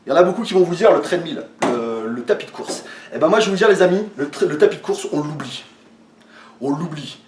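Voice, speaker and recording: A man's voice: on the high side, animated, fast talker, noisy background. A man explaining a training method to his viewers in a casual way, with lots of fillers and restarts, a little tired. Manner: hesitant, many fillers and restarts, addresses viewers as friends. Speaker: fitness coach. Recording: echoey room, from a distance.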